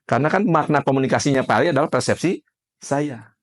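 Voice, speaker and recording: A man's voice: mid-range voice, animated, fast talker. Man teaching a casual classroom lecture. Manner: conversational, quizzes participants by name; casual colloquial explaining with everyday examples. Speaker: NLP trainer.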